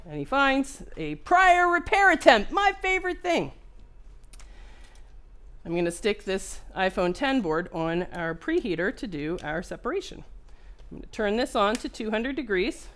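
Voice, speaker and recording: A woman's voice: mid-range voice, fairly bright tone. A woman running a hands-on repair tutorial, chatting casually and jumping between a personal story and narrating each step of her work at the bench. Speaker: microsoldering repair technician and instructor. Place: repair workbench.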